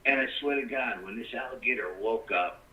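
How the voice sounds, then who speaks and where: A man's voice: medium pitch, a little fast, distant mic, muffled recording. A middle-aged man, a guest rambling through a story in casual talk with plenty of "you know". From New York.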